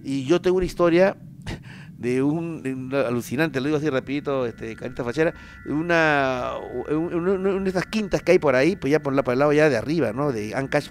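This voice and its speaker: A man with a Peruvian accent hosting a paranormal show, telling stories in a loose, slangy, animated way with lots of fillers. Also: on the high side, a little hiss or hum. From Peru. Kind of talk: casual paranormal storytelling.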